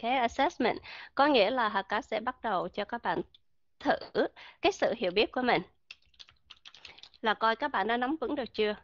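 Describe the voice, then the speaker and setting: A woman's voice: a little high, a bit bright, no echo, lo-fi sound. A woman teaching English pronunciation in an online lesson, explaining patiently with many fillers and checking that her students understand. Her first language is Vietnamese.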